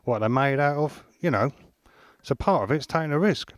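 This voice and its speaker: A man's voice: mid-range voice, expressive, normal speed, dry recording, clean studio sound. A man speaking casually as an anonymous interviewee, his voice electronically disguised, talking loosely with trailing fillers.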